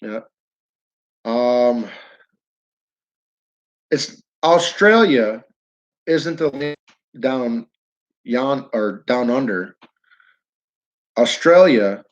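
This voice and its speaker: Speaking in a mid-range voice over dull audio, a livestream host with a northern New York accent broadcasts casually from his downtown building. He wanders in his talk, restarts sentences and addresses his viewers by name.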